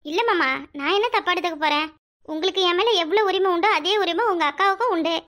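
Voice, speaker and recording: A high-voiced performer playing a meek, polite young daughter-in-law who pleads gently. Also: quick pace. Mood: pleading.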